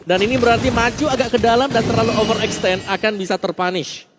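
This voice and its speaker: A man's voice: very high voice, steady tone, fast talker, over loud music. A man with an Indonesian accent giving analytical live commentary as an esports caster.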